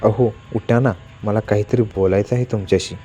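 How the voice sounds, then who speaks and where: A man voicing a kind, lonely young village wife in a horror story, speaking in a warm, pleading way. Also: lowish voice, a little slow, long reverb tail, lo-fi sound, faint music behind, lightly acted. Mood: urging.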